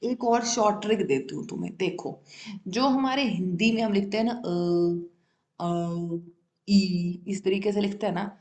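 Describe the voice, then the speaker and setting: A woman's voice: medium pitch, unhurried, a little mellow, echoey room. A woman teaching English grammar in a classroom style, often checking whether her students follow and repeating the key terms.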